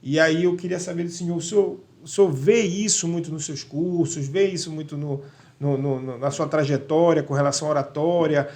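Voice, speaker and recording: Halting male podcast host, higher voice. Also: fairly even intonation, a little mellow. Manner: halting, repeats words while forming a question. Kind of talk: podcast interview question.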